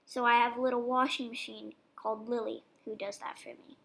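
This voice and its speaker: Explaining her dog-treat recipe step by step, a young vlogger keeps the cooking demo chatty and relaxed. She speaks a little high and a little fast, with vocal fry.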